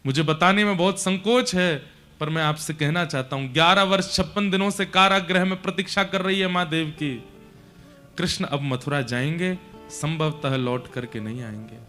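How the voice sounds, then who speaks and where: Man, play a weighty old messenger in a storytelling sermon: drop your voice low and quiet, hesitant as he breaks hard news. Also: moderate pace, faint music behind. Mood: sorrowful confession. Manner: low, hushed and reluctant, confessing a hard truth. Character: grave elderly male royal messenger, hesitant.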